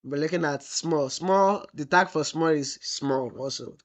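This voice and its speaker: In this screen-recorded web development tutorial, a man with a slightly high, unhurried voice is teaching. He keeps posing rhetorical "what?" questions to the class and then answering them, drawling the example text as he types.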